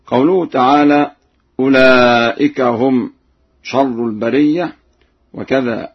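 A man teaching the rules of a Quranic reading tradition in a slow, measured way, pausing to chant the verses melodically as examples. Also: medium pitch, husky, dull audio. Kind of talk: lesson on Quranic reading variants with recited examples.

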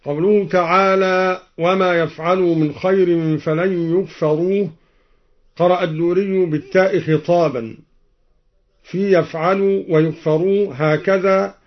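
A man's voice: high voice, fairly even intonation. Man chanting Quran readings, lo-fi. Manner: alternates plain explanation with slow melodic chanting. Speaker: Quran recitation teacher. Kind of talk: explaining then chanting Quran recitation. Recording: dull lo-fi recording.

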